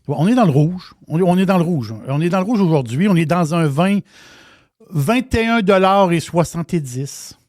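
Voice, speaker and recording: A man's voice: sits high, expressive, moderate pace, a little mellow, no echo, studio quality. A middle-aged man with a Québécois accent, chatting casually as a radio wine columnist, repeating words and using slangy phrasing. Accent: Québécois French.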